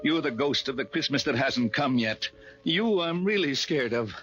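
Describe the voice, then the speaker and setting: An actor playing an excitable, emphatic reformed miser Scrooge in an old-time radio drama. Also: male voice, medium pitch, moderate pace, dull audio, loud music behind the voice, natural voice. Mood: frightened, pleading. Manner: colloquial, emphatic, exclamatory. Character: excitable reformed miser Scrooge, pleading then giddy with joy. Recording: old radio recording with faint hiss.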